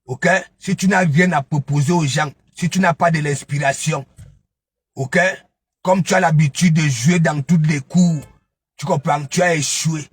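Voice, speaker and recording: A man's voice: on the high side, measured pace, slightly rough, dry recording. A man giving a taunting, scolding commentary, mocking his target and repeatedly asking "hein?". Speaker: online gossip commentator. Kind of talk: ranting live commentary.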